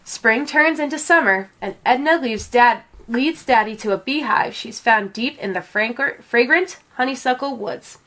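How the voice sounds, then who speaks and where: Reading aloud from a children's book, this woman uses a fairly high pitch and an expressive, measured storytelling style.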